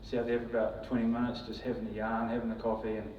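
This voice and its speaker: A man speaking at his father's funeral in a halting, tender way. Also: mid-range voice, monotone, darkish tone, slight background noise. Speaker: son giving a eulogy. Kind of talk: emotional funeral tribute. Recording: dull, distant, echoey sound.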